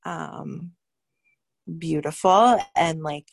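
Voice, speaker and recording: A woman in an online group giving thanks in a slow, halting way with many pauses. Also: deep voice, vocal fry, no echo. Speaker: workshop participant.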